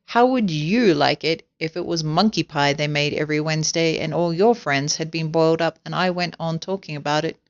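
A woman's voice: low voice, a little fast, hardly any pauses, dull audio. Woman playing an indignant, squeamish storybook bird. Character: indignant, squeamish, scolding male roly-poly storybook bird.

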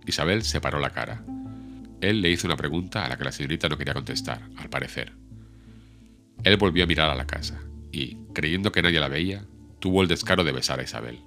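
A man narrating a classic novel as an audiobook, measured and expressive. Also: extremely low pitch, vocal fry, soft background music.

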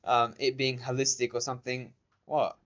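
A man's voice: medium pitch, flat delivery, moderate pace, fairly bright tone. A young man co-hosting a casual podcast outdoors, talking loosely and laughing over a game. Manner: laid-back, laughing, many fillers. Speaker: podcast co-host. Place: outdoors in a neighborhood. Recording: slightly dull audio.

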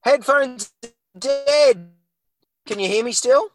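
A man co-hosting a podcast in casual, jokey chat. His voice sounds thin and tinny with no bass, as if it is coming through a device without headphones. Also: music in the background. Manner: jokey, quick with puns. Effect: thin tinny sound with no bass after his headphones died. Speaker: podcast co-host. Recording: tinny, far from the mic.

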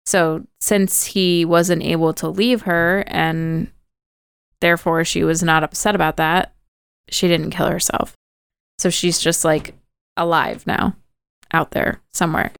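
A woman's voice: fairly low pitch, little pitch movement, measured pace, gravelly, smooth, no echo, studio quality. A woman podcast host casually retelling a movie plot, chatty and full of "like" and "kinda".

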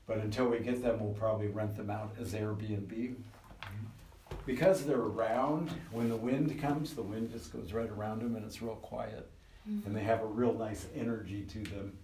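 A man's voice: lowish voice, normal speed. A man giving a casual, practical tour of a small earth house, heard in a poor-quality field recording. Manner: relaxed, practical, hands-on explaining. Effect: poor-quality, distant field recording. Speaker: community member giving a tour. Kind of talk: casual explaining on a walking tour. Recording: distant, echoey, noisy field recording.

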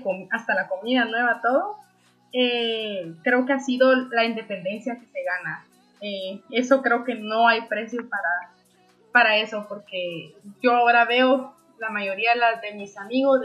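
A woman's voice: a little high, lo-fi sound. Young Honduran woman, hesitant answers. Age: 20s. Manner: hesitant, many fillers and restarts. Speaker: guest, young entrepreneur. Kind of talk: conversational interview answers.

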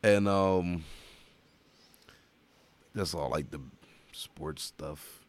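A man hosting a casual podcast, hoarse from a cold, bantering loosely with laughter and swearing. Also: low-pitched, very slow. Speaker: podcast host.

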